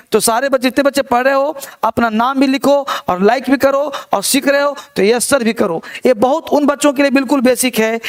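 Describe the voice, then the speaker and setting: A man teaching an online English pronunciation class, repeating words slowly and asking the class whether they follow. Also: very high voice. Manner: repeats words slowly and asks checking questions.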